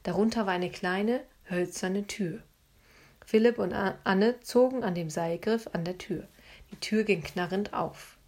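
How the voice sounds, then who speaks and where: A woman narrating a children's storybook in a hushed, suspenseful manner. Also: medium pitch, a little slow. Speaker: audiobook narrator.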